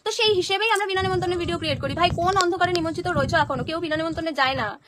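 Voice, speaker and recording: Chatty young woman on a live stream, fast and high. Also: background noise. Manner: chatty, answers viewer comments. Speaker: content creator on a live stream. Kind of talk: casual live-stream chat. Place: at home, in front of a painted wall.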